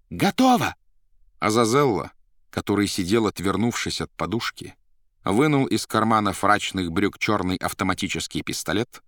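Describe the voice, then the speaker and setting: A man reading an audiobook as narrator, with an expressive delivery. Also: lowish voice, dry recording, clean studio sound. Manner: expressive, voices every character. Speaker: audiobook reader. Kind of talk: scripted narration.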